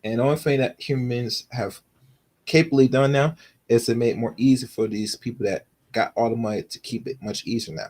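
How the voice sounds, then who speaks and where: A man's voice: mid-range voice, fairly quick, darkish tone. A man in casual chat, rambling with lots of fillers while making his argument.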